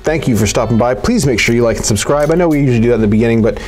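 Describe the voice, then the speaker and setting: A man's voice: medium pitch, racing, background noise. Laid-back man casually reviewing gear. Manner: relaxed, joking, chatty. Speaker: host reviewing gun parts.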